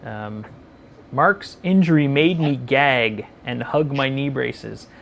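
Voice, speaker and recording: A man with a gravelly, creaky voice hosts a relaxed live-stream chat. He reads out viewer questions in an easygoing way and answers them. Faint noise sits behind him. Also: medium pitch, takes it slowly. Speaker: host of a live motorcycle chat show.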